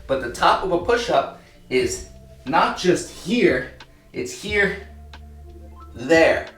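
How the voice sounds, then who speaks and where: A man's voice: fairly high pitch, sing-song, slow pace, fairly bright tone, faint music behind. A man teaching push-up form, demonstrating as he talks and getting short of breath at times. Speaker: fitness coach. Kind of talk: workout tutorial. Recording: roomy echo, mic at a distance.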